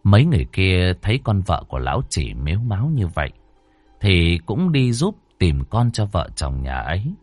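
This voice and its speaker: A man narrating a ghost story in a dramatic way, slowing down for suspense. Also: fairly low pitch, darkish tone, dry recording.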